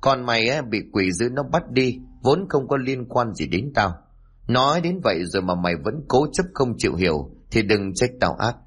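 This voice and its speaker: Man doing a sly, blustering village healer, low and husky. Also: moderate pace. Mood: menacing. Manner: smug, then threatening. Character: scheming male village healer, blustering and harsh.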